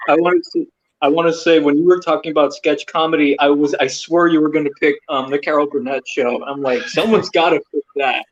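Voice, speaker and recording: A man's voice: on the high side, fairly even intonation, fairly quick. A man in casual chat, playfully trash-talking friends about his pick, on a lo-fi mic. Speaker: draft participant. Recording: dull lo-fi mic with faint noise.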